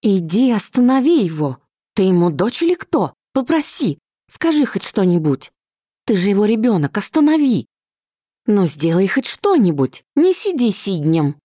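A woman voicing a distraught middle-aged mother who pleads and reproaches in a shrill, wailing voice. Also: sing-song, moderate pace, dark tone, no room sound, studio quality. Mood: nagging.

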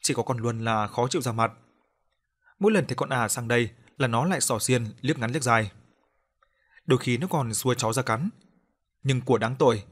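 A male audiobook narrator telling a story in a colloquial way, breaking in with scornful, cursing asides. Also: medium pitch.

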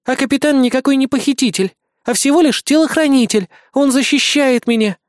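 A man's voice: very high-pitched, brisk, no echo, studio quality, voice pushed up. A male audiobook reader voicing a fussy young noblewoman who scolds and fusses. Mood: scolding. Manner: scolding, fussing. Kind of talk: audiobook character voice.

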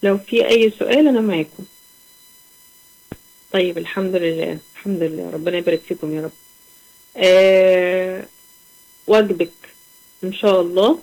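A young woman with an Egyptian accent teaching a Quran recitation lesson online. She talks patiently, asks questions and answers them herself, and draws out the example words slowly. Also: fairly low pitch, a little mellow, low-quality recording. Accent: Egyptian Arabic.

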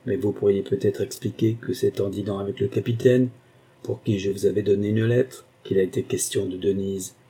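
A man reading aloud voices a scheming young woman for an audiobook. She speaks low and hushed, weighing each instruction. The voice stays dark and husky, with no shift to a higher register. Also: steady tone, brisk. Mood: calculating. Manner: hushed, calculating.

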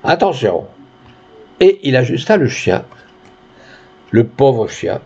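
A man narrating a classic short story in an expressive storytelling manner. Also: mid-range voice, slow, gravelly, lo-fi sound. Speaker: audiobook narrator.

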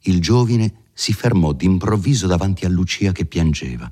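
A man narrating a classic novel for an audiobook in a measured, expressive literary reading. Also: sits low.

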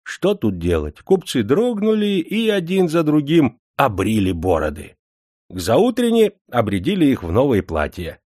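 A man narrating an audiobook in an expressive storytelling manner. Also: mid-range voice, moderate pace, no echo, studio quality. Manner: expressive storytelling with many voices. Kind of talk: scripted narration.

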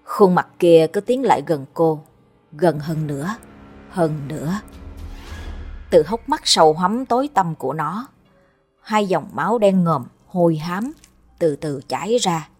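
Woman storyteller for a horror tale, low-set voice, faint music under it. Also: a little slow. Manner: steady, dramatic storytelling. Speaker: narrator.

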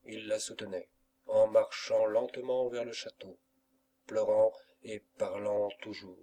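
A man narrating a classic novel as an audiobook reader, in a measured, unhurried way. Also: lowish voice, flat delivery, dark tone, far from the mic.

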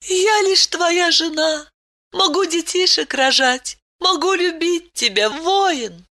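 A woman reading an audiobook, voicing a tender, teasing otherworldly young wife who coos softly and playfully. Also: extremely high pitch, expressive, slow, pitched above the performer's own voice, heavily acted. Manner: soft cooing, playful.

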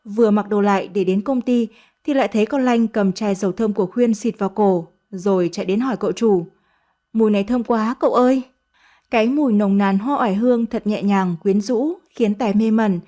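A woman narrating an audiobook story in a gentle, measured way. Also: medium pitch.

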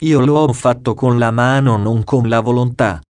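A man voicing the calm ghost of a young woman in a read-aloud story, speaking slowly and solemnly. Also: mid-range voice, smooth, no room sound, studio quality, lightly acted. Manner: slow, quiet and solemn.

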